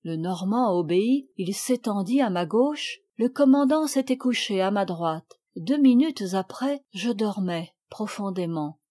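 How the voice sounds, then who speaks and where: A woman reading a children's storybook aloud with clear, expressive narration. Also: mid-range voice, a little slow, hardly any pauses. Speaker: audiobook reader.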